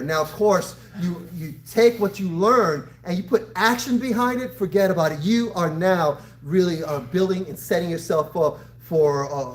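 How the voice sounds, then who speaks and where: High-voiced older man coaching karate. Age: 60s. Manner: encouraging, addressing students directly. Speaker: karate instructor. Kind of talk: live fitness class coaching and motivational talk.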